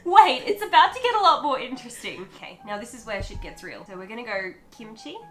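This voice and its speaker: A woman's voice: on the high side, fast talker, roomy sound, soft background music. A young woman chatting casually as she tastes and rates cheap convenience store food in a hotel room. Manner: chatty and animated, tasting and commenting on food. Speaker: food vlogger.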